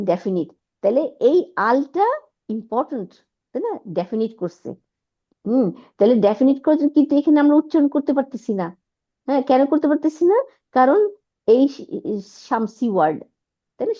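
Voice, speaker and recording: A woman teaching Arabic grammar, explaining step by step and often asking her students whether they follow. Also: on the high side. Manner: checks understanding with frequent rhetorical questions. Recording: dull lo-fi audio.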